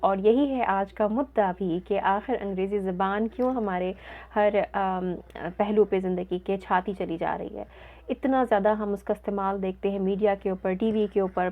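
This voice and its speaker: A woman with a Pakistani Urdu accent talks in a mid-range voice, earnest and indignant, pausing often with "um" as she builds her argument. The sound is thin and tinny, as if heard over a phone line. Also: medium pitch. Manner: earnest, indignant, with frequent hesitations. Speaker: host of her own commentary channel. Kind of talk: opinion monologue to camera.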